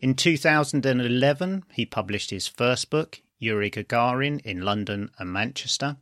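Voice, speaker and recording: A man's voice: medium pitch, lively intonation, normal speed, fairly bright tone, no room sound, studio quality. A man hosting a podcast in a scripted but chatty way, with sibilant sounds whistling through his teeth. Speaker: podcast host.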